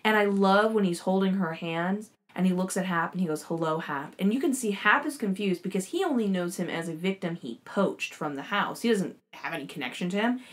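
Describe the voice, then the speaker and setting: A woman's voice: mid-range voice, lively intonation, brisk, few pauses. A young woman hosting a show, giving an enthusiastic, rambling recap and commentary on a series, swearing casually as she goes. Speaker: show host reviewing a series.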